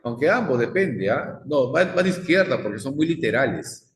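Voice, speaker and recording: Echoey teacher quizzing students. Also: male voice, medium pitch, sing-song, normal speed. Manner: quizzes the class with repeated questions. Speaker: psychology teacher. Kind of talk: classroom lecture. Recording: echoey classroom with long reverb.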